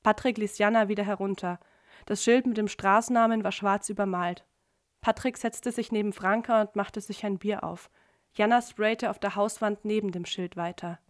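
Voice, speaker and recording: A woman giving a literary reading of prose in a steady, measured way. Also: medium pitch, no echo, studio quality. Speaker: reader.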